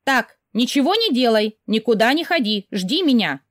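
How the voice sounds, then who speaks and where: Woman reading as a bossy chatty girlfriend in an audiobook, high and bouncy, dry close sound. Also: very animated, no echo. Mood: bossy, worried. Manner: brisk, exclamatory, takes charge. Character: lively caring young woman friend, bossy.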